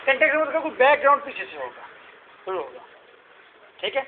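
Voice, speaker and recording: A man's voice: very high voice, very animated, fairly quick, a little hiss or hum. A man giving a classroom lecture, explaining through repeated questions and examples. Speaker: teacher. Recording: tinny lo-fi classroom recording.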